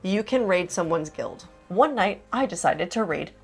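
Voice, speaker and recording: A woman's voice: lowish voice, animated, moderate pace, slightly rough, soft background music. A young adult woman narrating a casual vlog in a chatty, enthusiastic way, with lots of "like". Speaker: vlogger host.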